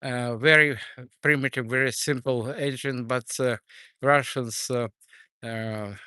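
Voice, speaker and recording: A man from eastern Ukraine with a Ukrainian accent, giving a livestreamed walking tour of city streets and filling his pauses with many "uh"s. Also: medium pitch, steady tone, bright, forceful tone, clean tone, dry recording. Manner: hesitant, many filler sounds. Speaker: streamer.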